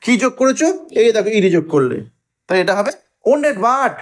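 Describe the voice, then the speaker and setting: A man teaches an English grammar lesson with an animated, swinging pitch. He explains step by step and keeps asking whether the class has followed. When he spells or stresses a word, he stretches it out slowly. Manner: explains step by step with frequent checking questions.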